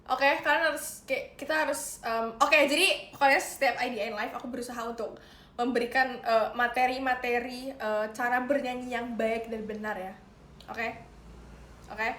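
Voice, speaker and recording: A woman's voice: fairly high pitch, fairly even intonation, normal speed, fairly bright tone. A young woman hosting a casual livestream, chatting playfully with viewers and giving singing tips. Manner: chatty, playful, addresses viewers as guys, sings short demo lines. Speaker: idol livestream host. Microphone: phone livestream. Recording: roomy echo, faint background noise.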